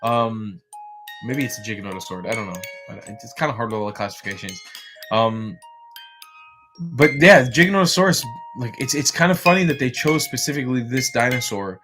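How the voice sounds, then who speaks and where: A man's voice: mid-range voice, animated, brisk. Guy chatting on a livestream, kinda sleepy and yawny, rambles with lots of ums, faint music behind. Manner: chatty, rambling, frequent fillers and restarts. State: yawning, tired. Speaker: livestream host. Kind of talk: casual livestream chat.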